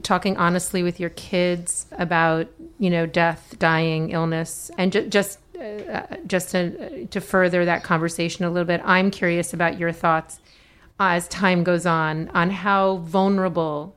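A woman's voice: on the low side, steady tone, a little slow, fairly bright tone, clear, resonant tone. A woman interviewing a guest, phrasing her questions in a searching, hesitant way. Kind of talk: conversational interview.

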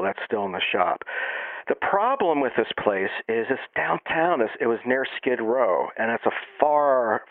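A man telling an absurd story in a deadpan, matter-of-fact comic manner. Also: medium pitch, no room sound, narrow, tinny audio.

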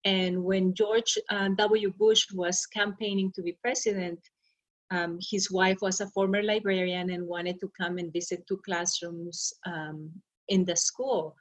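A woman's voice: lowish voice, little pitch movement, unhurried. A middle-aged woman from Arizona, a school superintendent earnestly and reflectively telling her life story in an interview. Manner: earnest and reflective, with brief laughs and restarts.

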